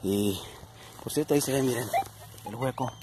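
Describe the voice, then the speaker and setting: Un hombre con acento mexicano que narra con tono de charla su búsqueda con detector de metales en un campo, hablándole a sus seguidores como amigos. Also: male voice, mid-range voice, moderate pace, background noise. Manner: chatty, addresses viewers as friends. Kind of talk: casual outdoor vlog narration. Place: outdoors in a plowed field.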